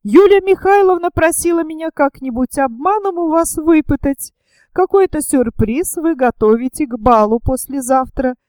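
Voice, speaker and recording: A woman's voice: sits high, moderate pace, darkish tone, no echo, voice pushed up, natural voice. Woman voicing a blunt scheming young man. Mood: curt. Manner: curt and rough in speech.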